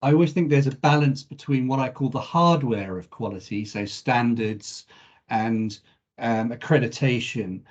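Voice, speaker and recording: A man, the head of the institute, giving measured, reflective remarks on a webinar with small restarts. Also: medium pitch, dull audio. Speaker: chief executive of the host institute. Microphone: video call.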